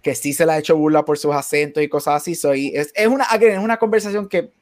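A man's voice: a little high, steady tone, fast, a little mellow. A man co-hosting a casual podcast chat, reasoning things out and switching often between Spanish and English. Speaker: podcast co-host.

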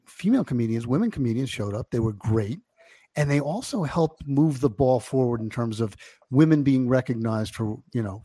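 An older man and former TV executive, telling stories in an emphatic, animated way as a guest on a talk show. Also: mid-range voice, dry recording. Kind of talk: casual chat.

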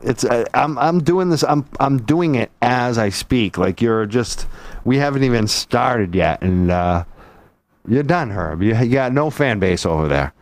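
A man's voice: medium pitch, no echo. A man co-hosting a casual radio talk show, joking and teasing before turning to the topic. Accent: Boston. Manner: joking and teasing, fast and animated. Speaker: radio co-host.

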